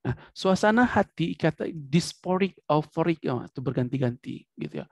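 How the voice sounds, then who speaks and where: A man teaching a psychology class to students, lively, acting out short examples as he explains. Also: fairly high pitch, moderate pace, no echo. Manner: animated, acts out short examples. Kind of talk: classroom lecture.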